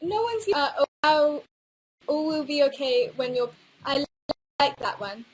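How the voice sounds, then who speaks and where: A woman's voice: high voice, expressive, unhurried, soft background music, low-quality recording. A young woman chatting casually on a livestream, reading out viewer quotes in a rambling, hesitant way.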